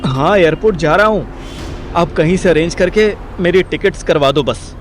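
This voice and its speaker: In a Hindi audio drama, an actor plays a reluctant, sarcastic, foul-mouthed young man who grumbles and cracks jokes in a wry mood. His voice is a little high, close to everyday speech, at a moderate pace, with slight background noise.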